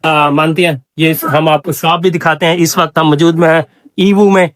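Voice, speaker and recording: Eager man pitching gadgets, higher voice. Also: fairly even intonation, moderate pace, fairly bright tone. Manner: eager, salesman-like product pitching. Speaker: travel vlogger. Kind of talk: casual promotional walkthrough. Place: indoor trade center shopping hall.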